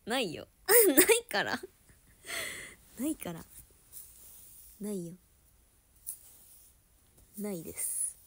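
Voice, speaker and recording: Giggly woman streamer with a lively voice. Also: medium pitch, extremely slow, long pauses, slightly rough. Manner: giggly, laughs often, drops into soft murmurs. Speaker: idol livestreamer chatting with viewers. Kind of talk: casual livestream chat.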